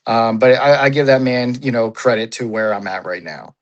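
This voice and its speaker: A man in a casual sit-down interview, talking at an average pitch. He rambles and leans hard on "you know" and "like," dropping the odd swear word along the way. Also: moderate pace, highs cut off. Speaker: paintball player, interview guest.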